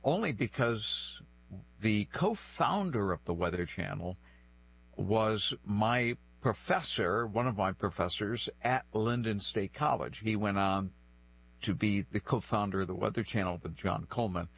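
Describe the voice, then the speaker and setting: On poor audio, an animated, unhurried man with a lowish, slightly bright voice reflects on personal stories in a conversational interview. He's in his sixties, a native French speaker from New Bedford in the northeastern United States, appearing as a guest.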